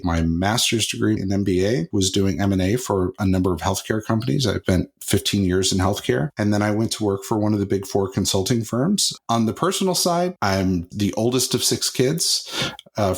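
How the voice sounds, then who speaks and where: A middle-aged man. He speaks as a co-host in a casual, conversational introduction. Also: lowish voice. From Mississippi, US South. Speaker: podcast co-host.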